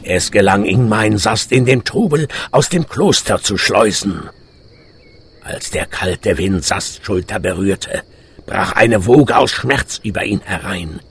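A man narrating a scripted dramatic story with a measured, literary delivery. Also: lowish voice, animated, a little hiss or hum.

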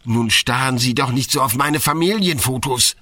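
Casting: haughty aristocrat for mystery drama, indignant bluster, sharp rough-edged voice. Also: male voice, mid-range voice, normal speed, far from the mic. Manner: pompous, blustering, emphatic. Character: indignant, pompous aristocratic earl. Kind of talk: German murder-mystery drama acting.

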